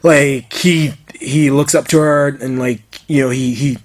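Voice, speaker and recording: A man co-hosting a casual movie review podcast, excitable, laughing often and restarting his sentences. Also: medium pitch, unhurried. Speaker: podcast co-host.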